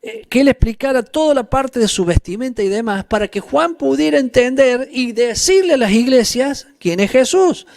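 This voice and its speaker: A man's voice: extremely high pitch, animated, moderate pace, vocal fry, hardly any pauses, a little mellow. A man giving a Bible class lecture, talking emphatically and putting direct questions to his listeners. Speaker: Bible teacher.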